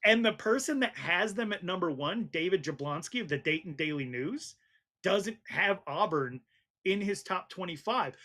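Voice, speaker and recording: A man's voice: high voice, a bit bright. Argumentative male football podcast host. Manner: argumentative, emphatic. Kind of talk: casual sports debate.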